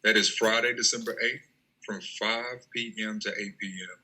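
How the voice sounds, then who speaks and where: Bright, husky-voiced man. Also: lowish voice, fairly even intonation, poor audio. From Tennessee, US. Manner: polite, measured, explanatory. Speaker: interview guest, nonprofit co-founder. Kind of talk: casual interview chat.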